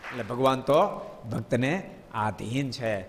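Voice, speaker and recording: A man giving a devotional storytelling sermon in a hall, lively and often quizzing his listeners with playful asides. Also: medium pitch, unhurried, noisy background. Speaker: preacher. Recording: long hall reverb.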